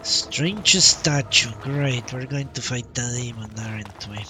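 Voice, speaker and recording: Over loud game music and a noisy background, a man with a medium-pitched voice streams a video game live. He's unhurried and casual, thinking aloud as he comments on his play.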